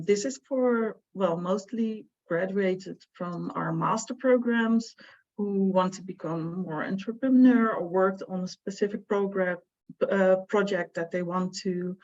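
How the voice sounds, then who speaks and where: A woman's voice: medium pitch, a little mellow. Woman presenting over a muffled call. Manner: hesitant, many fillers. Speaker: student advisor presenting. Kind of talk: online information presentation. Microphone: video call. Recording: muffled lo-fi video call audio.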